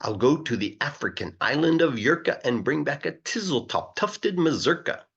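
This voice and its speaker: At a normal pace, a man who teaches English reads rhyming children's verse expressively, playful and emphatic. His mid-pitched, rough and husky voice is highly animated in pitch, and the recording comes across a little dull.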